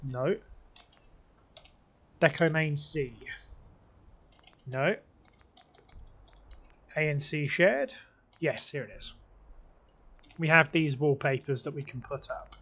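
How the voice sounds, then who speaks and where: A young man from the UK chats casually while building in a game, thinking aloud through every small choice. His voice sits a little higher than most men's. He sounds relaxed and unhurried at his desk microphone. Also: husky. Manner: chatty, musing, talks himself through choices. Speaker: let's play host. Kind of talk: casual gameplay commentary.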